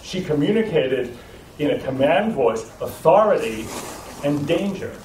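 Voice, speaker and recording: A voice trainer teaches a class to a live group in a lecture room, explaining step by step, often restarting sentences and checking "right?". His fairly high voice swings widely in pitch, unhurried and darkish, with a little hiss or hum. The sound is echoey and recorded from a distance.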